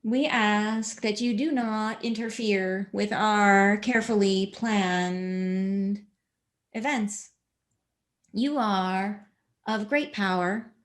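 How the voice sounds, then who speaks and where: In a solemn, measured and slow delivery, a woman with a medium-pitched voice channels a spiritual message on behalf of a collective.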